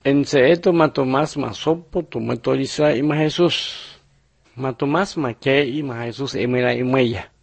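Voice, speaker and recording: A man narrating numbered Bible picture lessons in a steady, measured reading style. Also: medium pitch, creaky, husky, no room sound. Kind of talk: scripted religious narration.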